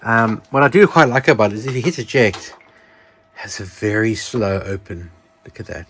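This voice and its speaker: A video channel host with a fairly low, fairly bright, expressive voice demonstrates a product at a moderate pace in a casual show-and-tell. He talks things through and thinks out loud, often catching and correcting himself, over slight background noise.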